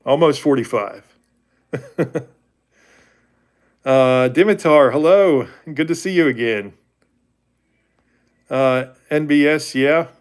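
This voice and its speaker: Speaking slowly with long pauses, this man in his forties uses a fairly high voice as he hosts a livestream about faith. He chats casually with viewers, rambling candidly and frequently backing up to restart or correct himself.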